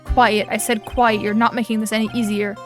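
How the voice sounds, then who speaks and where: A firm, stern middle-aged man who speaks in curt commands, read by a woman. The voice stays a little high and clipped. Faint game music plays behind. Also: level tone, brisk, a bit bright, natural voice.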